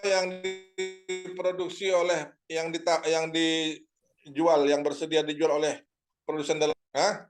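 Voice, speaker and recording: A man's voice: on the high side, flat delivery, takes it slowly, clean tone, faint music behind. A middle-aged man lecturing economics over a video call, his audio glitching and breaking up as he asks students questions. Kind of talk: online lecture quizzing students.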